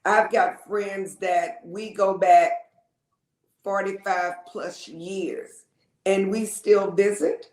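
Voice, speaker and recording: A woman's voice: medium pitch, fairly even intonation, takes it slowly, a little mellow. A woman talks freely as an interview guest. She circles back on her words, doubling them and dropping in ums. Her voice sits in an echoey room. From Lake Charles, Louisiana. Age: 50s. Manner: chatty, repeats words, frequent ums. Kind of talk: casual interview storytelling.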